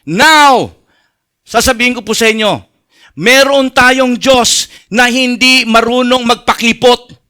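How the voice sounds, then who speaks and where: A male pastor preaching a sermon, switching between Tagalog and English. He swings from loud, emphatic lines to hushed, low ones and poses rhetorical questions. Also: slow pace, clean tone.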